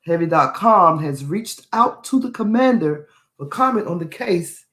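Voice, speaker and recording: A man's voice: sits high, animated, unhurried, fairly bright tone. Indignant man reading news, echoey room. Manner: indignant, repeats phrases for emphasis. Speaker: podcast host. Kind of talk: reading and commenting on a news article.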